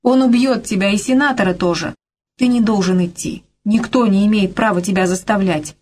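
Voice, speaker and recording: Woman narrator voicing a desperate young woman, high and tearful, loud pleading. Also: a little fast, a little hiss or hum, natural voice. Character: frightened young woman pleading with her lover.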